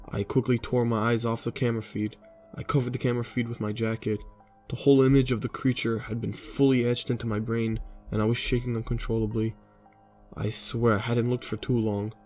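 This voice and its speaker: A man narrating a scripted horror story in a steady, low-key way.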